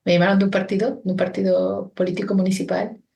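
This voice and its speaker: Mellow-voiced Mexican woman, reflective guest. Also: mid-range voice, completely flat delivery, quick pace, vocal fry. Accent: Mexican Spanish. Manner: thoughtful, many restarts and fillers. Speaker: guest, organization founder. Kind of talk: reflective interview conversation.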